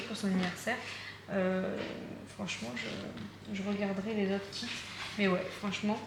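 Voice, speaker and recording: A young woman chatting casually in a vlog at home, enthusiastic and rambling with many fillers and repetitions. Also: mid-range voice. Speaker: vlogger. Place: at home, indoors. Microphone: phone or camera close by. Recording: echoey room with background noise.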